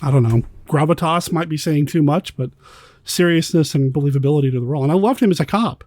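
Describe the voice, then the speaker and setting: Male podcast host, higher voice, warm mellow timbre, enthusiastic casual film chat, rambling. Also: fast talker, no room sound.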